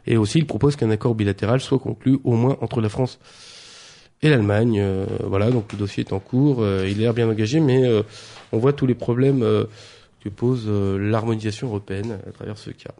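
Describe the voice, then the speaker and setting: Guy with a gravelly dark voice going over news items, lots of euhs and restarts. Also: on the low side, a little fast. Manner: hesitant, many fillers and restarts. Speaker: news columnist. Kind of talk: radio press review.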